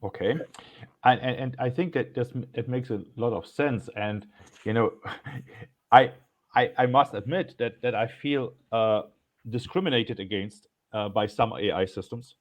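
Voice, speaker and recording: A man's voice: mid-range voice, unhurried, highs cut off. A man with a German accent in a panel discussion, wry and anecdotal, asking follow-up questions.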